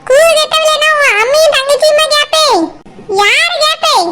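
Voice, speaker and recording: A woman voicing a sharp-tongued old village grandmother with a Kanyakumari Tamil accent, nagging and scolding. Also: very high voice, moderate pace. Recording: loud background noise.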